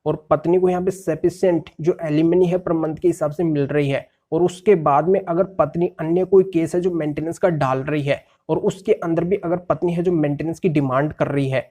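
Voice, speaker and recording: A man's voice: on the high side, fairly even intonation, normal speed, hardly any pauses, dark tone. A male lawyer explaining a court ruling step by step and rephrasing legal terms in plain words.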